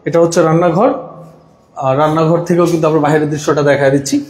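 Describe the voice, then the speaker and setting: Bangladeshi guy showing off a flat, pretty high voice, lots of echo off bare walls in an empty apartment. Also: fast. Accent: Bangladeshi Bengali. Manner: salesy, pointing things out. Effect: heavy echo of a bare room. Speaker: property tour host. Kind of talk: live walkthrough commentary.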